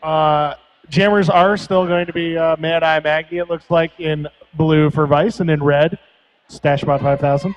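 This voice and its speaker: A man's voice: fairly high pitch, steady tone, measured pace, muffled recording. A man doing live roller derby play-by-play with easygoing, jokey banter alongside his co-host.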